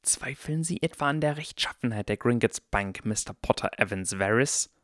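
A man voicing a sly male goblin banker in an audiobook, speaking slowly in a drawn-out, sneering way. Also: medium pitch, expressive, a bit bright, no room sound, studio quality, natural voice. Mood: indignant. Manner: slow, drawn-out, sneering delivery. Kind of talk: audiobook character voice.

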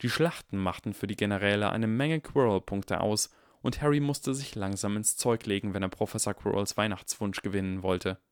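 A man narrating an audiobook in a lively, expressive, dramatic reading style. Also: fairly low pitch, normal speed, clean tone, no echo, studio quality. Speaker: audiobook reader.

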